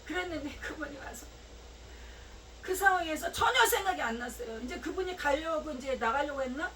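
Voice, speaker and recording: A woman pastor telling a personal story in a sermon, her voice swelling into shouts and near tears. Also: high-pitched, animated, a little fast, recorded from a distance, slight background noise, poor audio. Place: small church sanctuary.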